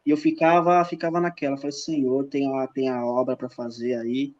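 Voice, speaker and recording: On dull, lo-fi podcast audio, a man with a medium-pitched, darkish voice speaks in a level tone at a moderate pace. A podcast guest, he shares his personal faith testimony in casual conversation, telling it emphatically and acting out the dialogue as he goes.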